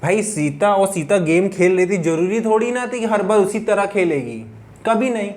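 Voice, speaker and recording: A man with a fairly high voice gives a physics lesson. He tells it as a story, keeps checking in with his listeners, and answers his own questions. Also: normal speed, a little mellow. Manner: storytelling with frequent check-ins like "ठीक है". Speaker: physics teacher. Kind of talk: classroom lecture explaining by story.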